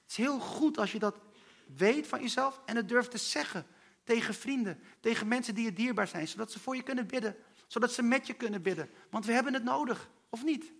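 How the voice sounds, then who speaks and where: A man's voice: very high voice, fairly quick, creaky, fairly bright tone. A man preaching a sermon in an earnest, personal way and speaking straight to his listeners.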